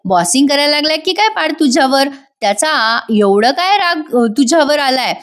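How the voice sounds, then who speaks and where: A woman's voice: high voice, sing-song, a little fast, voice pushed up. A woman voicing a bossy, comic older aunt who talks brashly and scolds. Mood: scolding.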